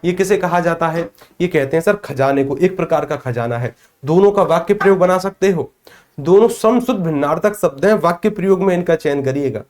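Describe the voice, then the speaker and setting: A man with a somewhat high voice teaches a spoken grammar lesson. He keeps asking the class a question and then answering it himself. When he shows pronunciation, he sounds out the letters one by one, slowly. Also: a little mellow. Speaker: Hindi teacher.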